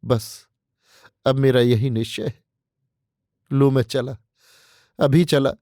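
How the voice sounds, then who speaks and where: A man's voice: medium pitch, fairly even intonation, slow pace, warm tone, dry recording, studio quality. A male narrator voicing a scheming young man who confesses devotion in flowery, pleading words, read as an audiobook character.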